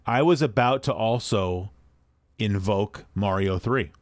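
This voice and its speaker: A fairly low-pitched man takes it slowly as he co-hosts a podcast, reading listener emails and drifting into relaxed, rambling chat. The sound is clean studio quality with no echo.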